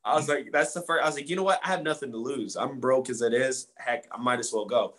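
A man's voice: medium pitch, a little fast, fairly bright tone. A man in his twenties, a guest, telling his story in a casual interview with a laid-back, slangy manner. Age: 20s.

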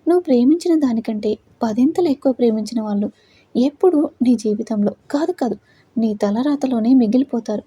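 A woman's voice: a little high, brisk, warm tone, breathy edge. A woman voicing a distraught young woman who tearfully begs her friend, in a storybook reading. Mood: consoling. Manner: tearful, pleading.

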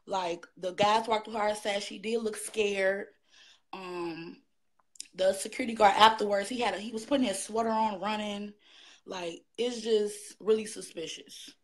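A woman in her twenties from Chicago's South Side, calling in from work and talking quietly with many ums. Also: mid-range voice, fairly even intonation, normal speed, poor audio. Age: 20s. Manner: hesitant, filler-heavy, kept quiet. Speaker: caller. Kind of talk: casual call-in opinion.

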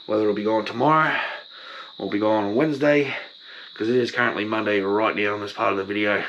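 A man's voice: fairly low pitch, fairly even intonation, fast talker, fairly bright tone, lo-fi sound, slight background noise. A young man talking casually in a vlog, sick and short of breath, rambling and laid-back. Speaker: vlogger.

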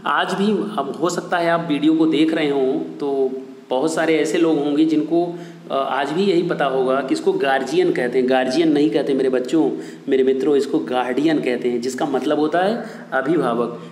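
A man's voice: fairly high pitch, normal speed, darkish tone. Man teaching in an echoey room. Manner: rhetorical questions, then answers them himself and repeats; addresses viewers as his dear children and friends. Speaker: English teacher. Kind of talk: online video lesson in Hindi. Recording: echoey room with long reverb.

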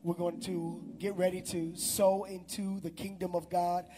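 Speaking unhurriedly in a high register, a middle-aged man serves as pastor in a big church hall. He holds a mic, prays, and makes announcements, animated and shouting out to his congregation.

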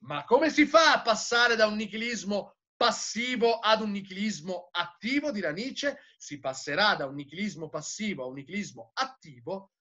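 A male philosophy teacher lecturing slowly and emphatically, repeating key phrases, on a dull lo-fi recording. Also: high-pitched, expressive, pushed and bright.

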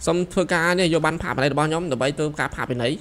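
High, rapid-fire excitable young man. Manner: rapid, excitable, shouting quick directions. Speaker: gameplay streamer. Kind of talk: excited gameplay commentary. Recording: voice over loud game sirens. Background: police sirens from the game.

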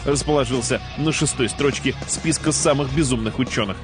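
A man's voice: medium pitch, a little fast. A man reading dramatic scripted narration as the narrator of a TV countdown show. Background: music.

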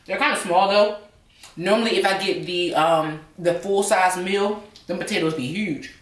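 Chatty woman vlogger eating, a bit low. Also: moderate pace. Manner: chatty, talks with mouth full. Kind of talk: casual chat while eating. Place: home, indoors. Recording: roomy, from a distance.

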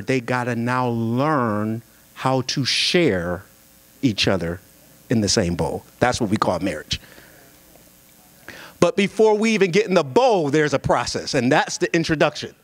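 In a dry recording, a young man with a mid-range voice speaks at normal speed from a church pulpit at a singles conference. Holding a handheld mic, he tells a comic story sermon-style, lively and trading jokes with the audience.

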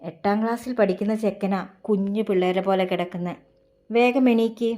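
A woman's voice: medium pitch, fairly even intonation, moderate pace, mellow, lightly acted. Worried widowed mother, coaxing tone, read by a woman. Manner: pleading, coaxing.

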